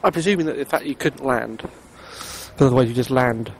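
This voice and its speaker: A man's voice: medium pitch, normal speed, slight background noise. A man in casual banter over voice chat, teasing his friends dryly and putting questions to them.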